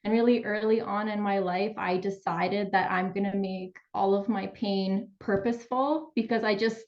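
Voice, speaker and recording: A woman's voice: medium pitch, steady tone, moderate pace, a little mellow, muffled recording. A woman from Ukraine, a somatic therapist and coach, telling her story openly as a guest on a call-in interview. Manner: candid, open storytelling.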